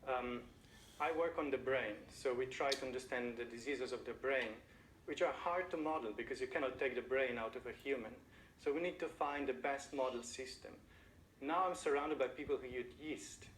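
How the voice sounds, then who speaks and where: A male scientist with a Slovenian accent gives interview answers at a medium pitch. He phrases things thoughtfully and haltingly. The recording is roomy and echoey, with faint ambient noise. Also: fairly bright tone.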